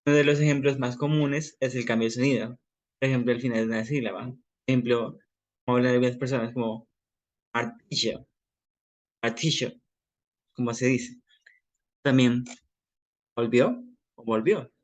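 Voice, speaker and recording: A man's voice: mid-range voice, level tone, a little fast, darkish tone. A man with an Ecuadorian accent giving a class presentation, explaining informally with everyday examples. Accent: Ecuadorian Spanish.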